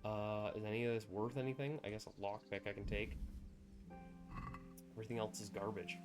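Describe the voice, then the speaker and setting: A man's voice: fairly low pitch, little pitch movement, fairly quick, music in the background. Sweary man casually commentating on gameplay. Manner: sweary, muttering to himself. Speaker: gamer commentating on his play.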